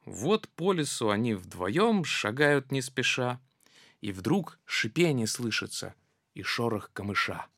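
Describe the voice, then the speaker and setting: A storyteller reading a children's verse tale aloud in a rhythmic, expressive way. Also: medium pitch, slow, no room sound, studio quality.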